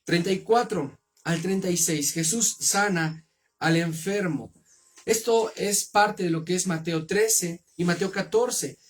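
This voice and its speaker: A high-pitched man with a Mexican accent reads aloud from the Bible and then preaches on the passage, earnest and measured in his delivery.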